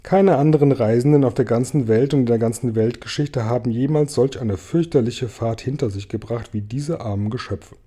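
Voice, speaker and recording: A man reads a children's story aloud with an unusually dark, mellow voice. His delivery is lively and expressive, speeding and slowing with the action. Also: medium pitch, breathy edge. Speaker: reader. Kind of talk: reading a children's book aloud.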